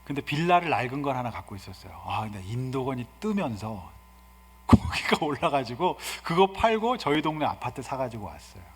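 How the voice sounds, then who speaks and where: A man in his fifties, a guest pastor preaching a sermon, swinging from soft asides to loud exhortations. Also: mid-range voice, big pitch swings, a little fast, breathy edge. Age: 50s. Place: church sanctuary. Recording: hall reverb in a church.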